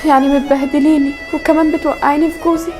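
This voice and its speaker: A wronged young wife, pregnant, proud but polite, acted by a woman in an Egyptian web drama. She speaks Egyptian Arabic very fast and high, in a pleading, defensive manner. Clear music runs underneath. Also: flat delivery, natural voice.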